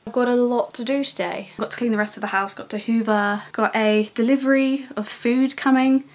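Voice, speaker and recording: A woman's voice: a little high, steady tone, a little fast. A woman of twenty, chatting casually to camera about her day. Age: 20s. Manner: chatty, self-mocking. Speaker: vlogger. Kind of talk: casual vlog chat. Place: her house, indoors.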